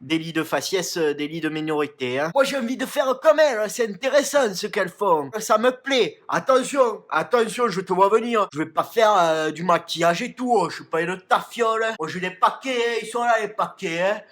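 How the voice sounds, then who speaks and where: A young comedy YouTuber in character hams up a crude, boastful macho persona in a comic beauty tutorial, recorded at home in his bathroom. His male voice is high and a bit bright, with lively intonation, a moderate pace and few pauses, and he tags lines with "hein".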